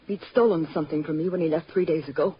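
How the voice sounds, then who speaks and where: A woman's voice: sits low, fast, close to an everyday voice. An actress playing a proud, frightened young woman in trouble, in haughty 1940s radio drama style. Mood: proud, emotional. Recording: muffled old radio recording.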